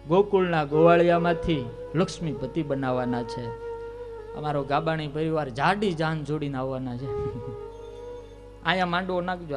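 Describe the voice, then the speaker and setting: A man telling a devotional story as a sermon, lively and expressive. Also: fairly high pitch. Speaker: religious storyteller.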